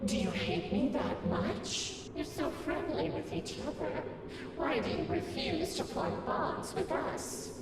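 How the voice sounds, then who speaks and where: An actress playing a mysterious, coaxing female villain in a video game, with a calm, taunting, softly pleading manner. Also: sits high, slow, long pauses, exaggerated voice. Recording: long echoing reverb, background noise.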